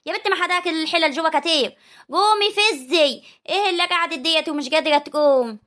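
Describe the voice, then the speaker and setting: A woman's voice: extremely high pitch, fast talker, sharp tone. A woman with a rural Egyptian accent playing a tired young daughter who pleads with her mother. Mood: pleading. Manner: whiny, pleading.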